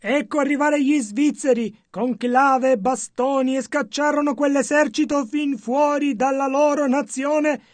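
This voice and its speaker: A man reading a sermon translation as a measured voice-over. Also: very high voice, steady tone, dry recording. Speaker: interpreter.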